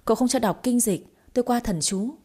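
A woman reading a story, voicing a sharp-tongued young wife who fakes exorcism chants in mock gibberish. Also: fairly high pitch, brisk, husky, voice pushed up. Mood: brash. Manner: brash, mocking, gibberish chanting.

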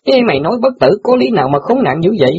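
A man's voice: high-pitched, big pitch swings, very fast, a crowd in the background. A man voicing a cheeky, brash newspaper boy who teases his friend in an audiobook drama. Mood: teasing. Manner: brash, teasing banter. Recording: dull lo-fi audio.

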